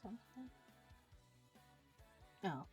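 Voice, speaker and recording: Speaking very slowly, her voice a little mellow, the streamer chats casually as she plays, hesitating and trailing off between ideas. The livestream audio is lo-fi and dull, with background music.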